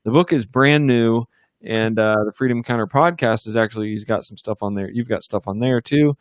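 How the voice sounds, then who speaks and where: A man's voice: mid-range voice, fairly quick, dry recording. A man co-hosting a casual ministry livestream from a home studio, talking loosely with many fillers and restarts. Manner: rambling, upbeat, lots of fillers and restarts. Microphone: computer or webcam mic in a home studio.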